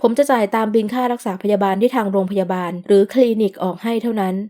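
A woman voicing a cool young businessman who answers in a flat, even, calm tone in an audio novel. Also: medium pitch, fast talker, natural voice. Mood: calm firm.

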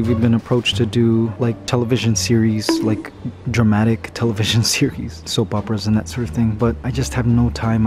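Chatty vlogger man over music. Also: medium pitch. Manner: chatty, then hushed whisper. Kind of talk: casual vlog talk to camera. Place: backstage at a TV studio. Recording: music under the voice.

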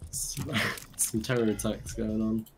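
A man's voice: on the low side, level tone, a little slow, a crowd in the background. A man on game voice chat, making sarcastic remarks to his friends. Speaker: gamer on voice chat. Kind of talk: casual banter.

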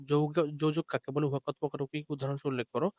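A man's voice: fairly high pitch, flat delivery, fast talker, darkish tone, no room sound, lo-fi sound. Man teaching exam prep. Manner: reads out exam questions and word lists with fillers. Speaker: online madrasah teacher. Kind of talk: exam suggestion lesson.

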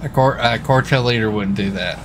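A brisk, fairly low-pitched man chats casually as a US Marshal in a roleplay game, wandering off topic and saying things more than once. Behind his voice runs a steady hum of game vehicle noise, mixed with car and city sounds from the game.

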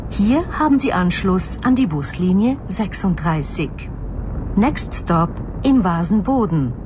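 A woman gives formal stop announcements, heard through the loudspeaker of a moving city bus. She speaks very slowly and evenly, and the dull, muffled speaker sound carries a clear rumble of engine and road noise underneath. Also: expressive. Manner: slow, measured, formal. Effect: heard over a bus loudspeaker.

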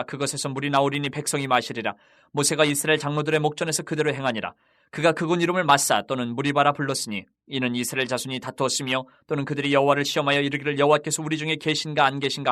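A man reads scripture aloud at a quick, unbroken pace. His delivery is steady and recited, and his voice sits at a middle pitch.

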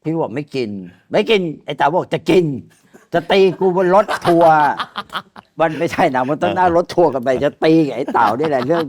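A man's voice: a little high, fairly quick, darkish tone. Blunt older man telling film stories. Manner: blunt, coarse, laughs through his anecdotes. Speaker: veteran film director, guest. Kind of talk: casual storytelling chat.

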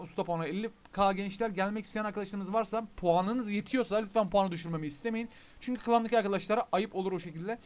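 Fast-talking young man commenting gameplay. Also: high-pitched. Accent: Turkish. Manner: chatty, pleading with the game, addresses viewers. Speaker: gaming YouTuber.

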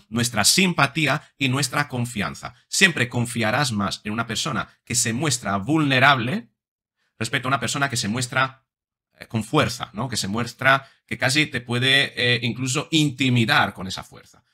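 This man's medium-pitched voice sounds pushed and bright at a moderate pace. In his forties and working as a psychologist, he gives analytical commentary on body language, regularly tossing in short tag questions, recorded on a close desk mic in a small indoor room.

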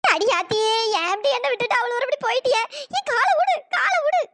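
Scaredy older sister for a cartoon: shrill, lively, whiny. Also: fast talker, no room sound, studio quality, heavily acted. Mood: panicky. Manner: panicky, whining, complaining. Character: jittery older sister, easily frightened and whining.

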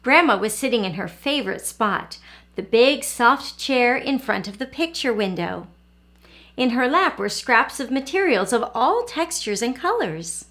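A woman reading a picture book aloud to young children, pausing gently to ask them questions. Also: fairly high pitch, sing-song. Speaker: children's story reader. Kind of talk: read-aloud storytelling for kids.

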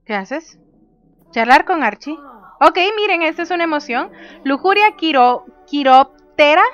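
A woman's voice: high voice, a bit bright, highs cut off. A woman casually commenting on a life-sim game, reading menu options aloud and laughing often. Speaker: gaming youtuber. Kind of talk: casual let's play commentary.

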